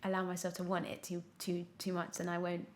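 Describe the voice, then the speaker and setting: A young woman, a radio drama actor appearing as a podcast guest, chats casually about her story in a lowish, fairly quick voice. She's animated and expressive, acting out her own past thoughts as she tells it.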